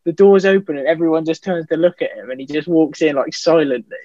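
A man's voice: fairly high pitch, fast talker, warm tone, no room sound, dull audio. A young man from England in a casual chat, talking in a laid-back way with lots of fillers. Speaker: podcast guest.

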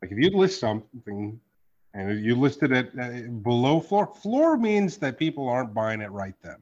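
A man hosting a casual podcast chat, animated and profane, swinging from loud outbursts to low asides. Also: moderate pace, muffled recording. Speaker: podcast host and card artist.

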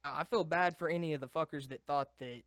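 A man's voice: a little high, fairly quick, a bit bright, no room sound. A young man co-hosting a casual podcast, rambling and swearing, laughing often as he tells stories. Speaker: podcast co-host. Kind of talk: casual chat.

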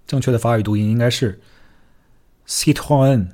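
A man hosting a casual solo podcast, chatty and self-deprecating, who drops English words into his talk and slows down to sound out foreign words carefully. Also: mid-range voice, steady tone, dark tone. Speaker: podcast host.

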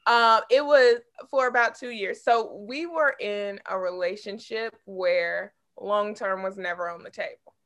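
A woman's voice: mid-range voice, measured pace, a bit bright. A woman who is a podcast guest, frankly telling a personal story in casual chat.

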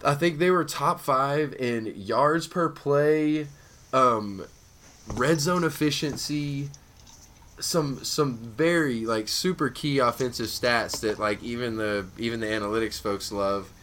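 A man's voice: mid-range voice, slow pace, a bit bright, slight background noise. A man co-hosting a casual fantasy football podcast, talking in a laid-back, rambling way with many restarts. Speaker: podcast co-host.

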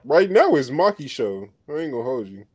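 A man's voice: mid-range voice, animated, brisk, mellow, husky. A man on a panel, chatting casually and frankly with slangy phrasing. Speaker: panelist and podcaster. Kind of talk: casual group chat.

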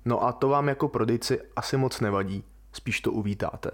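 A man hosting a podcast, talking through a subject alone in an informal, colloquial, musing way. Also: medium pitch. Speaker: podcast host. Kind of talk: casual podcast monologue.

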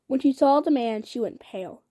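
A woman's voice: sits high, animated, a little fast, mellow. A young woman casually reading a novel aloud, often stumbling and restarting phrases. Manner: reads with frequent slips and restarts. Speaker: reader.

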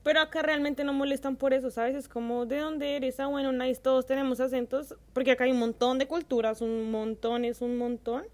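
A woman from Colombia chatting in a relaxed way on a podcast. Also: high-pitched, fairly quick, hardly any pauses. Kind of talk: casual podcast chat.

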